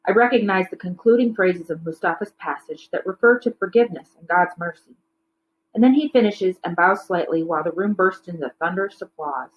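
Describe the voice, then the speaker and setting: A woman with a lowish voice reads a children's novel aloud at a fairly quick pace, sounding like a teacher. Now and then she stumbles over words and corrects herself. The recording is rough.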